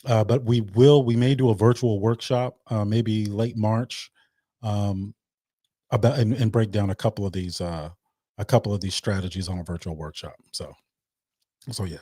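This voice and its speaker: A man's voice: fairly low pitch, steady tone, normal speed, mellow, no room sound, clean studio sound. A man hosting a casual livestream chat, loose and talkative, often repeating his words. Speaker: host.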